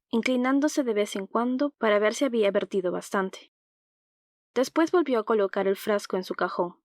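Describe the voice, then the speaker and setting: A woman narrating an audiobook in a calm, even reading voice, close to the mic. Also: medium pitch, no echo.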